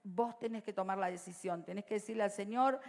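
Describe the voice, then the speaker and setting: A woman pastor with an Argentine Rioplatense accent, preaching a sermon to a congregation and often checking in with "¿sí?", her voice swinging between loud and soft. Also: medium pitch, fairly quick. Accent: Rioplatense Spanish. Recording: long reverb of a church hall.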